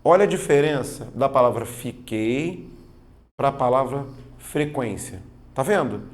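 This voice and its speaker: A man's voice: medium pitch, lively intonation, unhurried. A man teaching a grammar lesson for exam preparation, explaining patiently and often checking that students follow. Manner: patient, explanatory, keeps checking understanding with "tá vendo?" and "certo?"; leans on stressed spoken examples. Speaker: Portuguese teacher.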